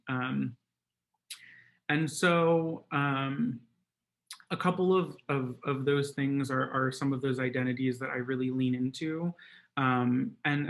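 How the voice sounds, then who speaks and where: A man's voice: mid-range voice, fairly bright tone. A man born in Guatemala and raised in Maryland, giving an online presentation in a conversational way with many filler words.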